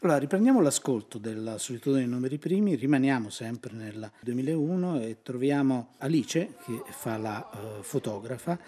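A man's voice: medium pitch, lively intonation, normal speed, hardly any pauses, warm tone, slightly rough. A man hosting a radio film show, introducing film clips with a few hesitations. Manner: explanatory, with hesitations.

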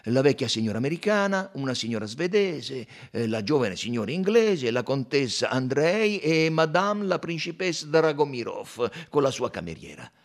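A man's voice: mid-range voice, big pitch swings, normal speed, hardly any pauses, pitched above the performer's own voice. A man doing a deferential train conductor. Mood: dutiful. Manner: deferential, counting carefully.

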